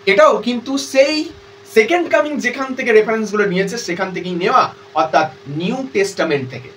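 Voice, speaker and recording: A man with a Bengali accent teaches a class. He has a high, light voice and reads lines of a play aloud before explaining them. He sits a little back from the mic, with faint noise behind him. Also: fairly bright tone, far from the mic, poor audio. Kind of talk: lecture explaining an English play.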